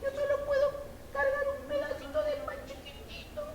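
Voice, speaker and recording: Man putting on a tiny ant girl, squeaky high voice, tearful and plaintive, roomy hall, live storytelling. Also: flat delivery, normal speed, a little hiss or hum. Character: tiny timid female ant, sad and brave.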